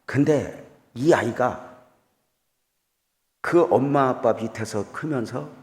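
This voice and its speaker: A middle-aged man preaching a revival sermon as a guest pastor, swinging between loud exclamations and quiet storytelling and putting questions to the congregation. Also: medium pitch, slow. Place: church sanctuary. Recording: church hall reverb.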